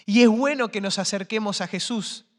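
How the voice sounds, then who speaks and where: High-voiced preacher in a church. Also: male voice, normal speed. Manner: impassioned, rising to shouts then dropping to quiet. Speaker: pastor. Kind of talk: sermon. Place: church sanctuary. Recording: long church reverb.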